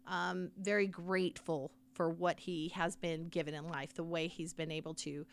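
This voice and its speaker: A woman's voice: fairly low pitch, level tone, normal speed, creaky. A middle-aged woman co-hosting a podcast, chatting casually and repeating her praise. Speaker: podcast co-host. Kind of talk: casual chat recap.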